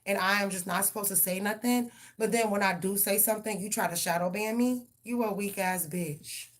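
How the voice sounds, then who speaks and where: A woman's voice: medium pitch, a little fast. Woman w doing a live tarot reading, blunt and cussing, gets heated. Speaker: tarot reader.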